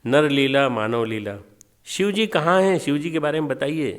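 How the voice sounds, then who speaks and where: A man playing a gentle divine prince. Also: a little high, animated, moderate pace, pitched above the performer's own voice, lightly acted.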